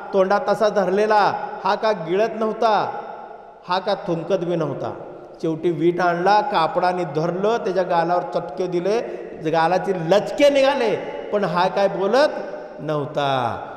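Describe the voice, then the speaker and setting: High-voiced preacher in an echoing hall. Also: male voice. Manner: lively storyteller, swings between loud emphasis and low asides. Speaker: spiritual preacher. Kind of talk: sermon with folk storytelling. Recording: echoey hall with long reverb.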